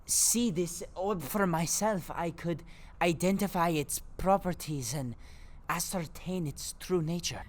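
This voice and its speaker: A man voicing a nervous woman who deals in arcane artifacts, speaking high and hushed with stammers. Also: a little slow, hardly any pauses, close to an everyday voice. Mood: anxious.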